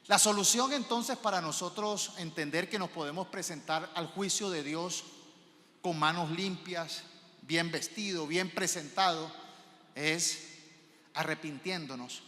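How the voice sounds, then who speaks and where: Man, pastor's sermon, questions to the congregation, shifts from soft to loud, reverberant church hall. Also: a little high, measured pace. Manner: preaching, asks the congregation questions, swings between soft and loud.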